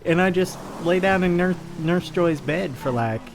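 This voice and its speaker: A roleplay streamer with a high-pitched voice plays Frank, a rambling, awkward character in an improvised scene, speaking unhurriedly over crowd noise. He hesitates constantly, piling up fillers and restarting his lines.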